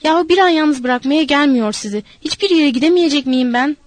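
A woman voicing an irritable male ranch worker who scolds and calls out loudly. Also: high voice, fairly quick, no echo, pitched above the performer's own voice, close to an everyday voice. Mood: scolding. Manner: gruff and scolding.

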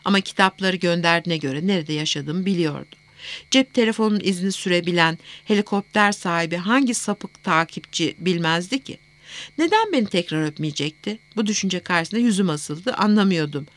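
A woman narrating a first-person romance novel as an audiobook, in a steady, even storytelling manner. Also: on the low side, fairly quick.

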